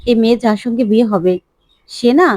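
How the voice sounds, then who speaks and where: A woman voicing a cheerful, flattering young man in her own plain voice. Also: fairly high pitch, fairly quick, no room sound, natural voice. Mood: friendly.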